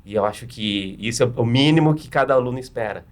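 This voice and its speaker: A man's voice: mid-range voice, fast. A man with a Brazilian Portuguese accent, a pastor explaining step by step with practical examples in a panel discussion.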